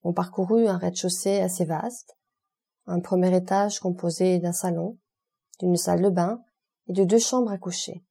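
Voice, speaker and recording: A woman narrating a classic novel as an audiobook, measured and expressive. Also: fairly low pitch, gravelly, husky.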